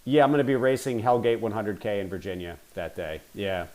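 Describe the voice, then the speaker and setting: A man's voice: lowish voice, expressive, a little fast, over a noisy crowd. A man hosting an amateur podcast, talking in an easygoing way with fillers. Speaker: podcast host. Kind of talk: casual podcast interview.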